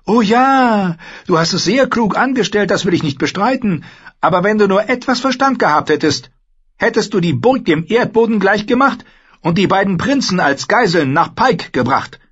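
A man reading an audiobook, voicing a sharp-tongued, mocking young noblewoman who lectures her brother. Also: high voice, lively intonation, moderate pace, breathy edge, highs cut off, voice pushed up, full character voice. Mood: scornful. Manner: scornful, lecturing, needling. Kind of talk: audiobook character voice.

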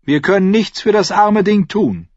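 A man's voice: high voice, lively intonation, normal speed, no echo, highs cut off, voice pushed up. Cersei, a man doing a haughty queen. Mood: dismissive. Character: cold haughty adult queen.

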